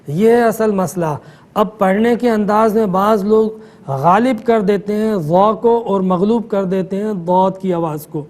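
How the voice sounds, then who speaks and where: A middle-aged man, a mufti answering callers' questions in a calm, explanatory manner. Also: high-pitched. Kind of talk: religious call-in answers.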